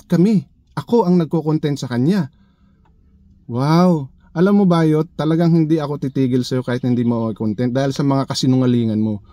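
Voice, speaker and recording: A man's voice: a little high, mellow, no room sound, clean studio sound. A man giving sarcastic, needling reaction commentary in his vlog, full of rhetorical questions. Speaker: vlogger.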